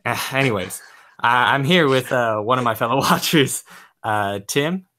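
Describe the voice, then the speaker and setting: A man's voice: mid-range voice, animated, a little slow, pushed and bright. A young man hosting a casual movie podcast, upbeat and joking with his co-hosts. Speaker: podcast host.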